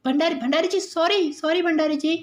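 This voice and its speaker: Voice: high-pitched, big pitch swings, slow, voice pushed up, exaggerated voice. A performer voicing a flustered, polite young housewife who pleads and apologizes in a comedy audio serial. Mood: apologetic.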